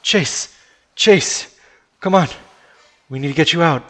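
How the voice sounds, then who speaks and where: A take-charge male animal character from a spoken story, as a man puts him on. He gives orders in a commanding voice and turns to urgent shouts, pitched a little above an ordinary man's speech. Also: steady tone, normal speed, close to an everyday voice. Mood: frantic.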